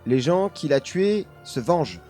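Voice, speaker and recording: A man's voice: fairly high pitch, big pitch swings, unhurried, loud music behind the voice. A man streaming live, casually telling a paranormal story while chatting with his viewers, laughing often and leaning on the same filler words.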